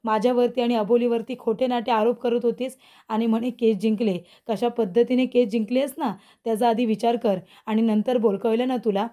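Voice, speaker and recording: A woman's voice: fairly high pitch, fairly even intonation, moderate pace, warm tone, close to an everyday voice. A woman reading the lines of an angry elder brother from a TV serial recap, lecturing in a scolding manner. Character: angry grown man, stern elder brother.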